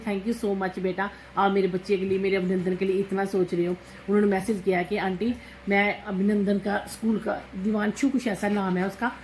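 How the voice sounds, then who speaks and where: A woman in her thirties, a mother, telling a story in a casual vlog while cooking at home, animated and repeating her own words with emphasis. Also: mid-range voice, echoey room, slight background noise, rough recording. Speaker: vlogger, mother.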